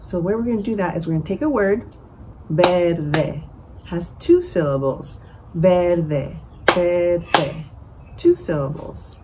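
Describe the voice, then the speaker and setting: A woman leading a bilingual children's storytime, switching between English and Spanish and drawing out words slowly to count syllables. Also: medium pitch, sing-song, background noise. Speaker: children's librarian. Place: library.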